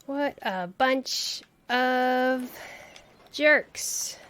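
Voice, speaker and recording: Speaking very slowly in a high, fairly bright voice, a woman livestreams a video game with casual commentary, playful exclamations, and quaint interjections. Game music runs behind her, with a little hiss or hum on the recording.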